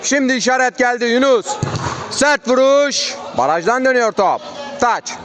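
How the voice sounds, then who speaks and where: High-pitched male football commentator over crowd noise. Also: expressive, moderate pace, fairly bright tone. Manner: clipped short phrases, calling out player names. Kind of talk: live play-by-play match commentary. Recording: crowd and outdoor urban noise behind. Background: crowd at an outdoor match.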